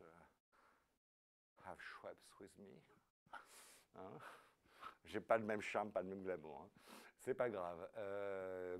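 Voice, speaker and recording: A low-pitched man hosts a live quiz show, his voice swooping up and down as he reads questions and tallies scores. He keeps up a playful patter, tossing jokes in between the answers. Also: a little mellow. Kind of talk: live app quiz hosting.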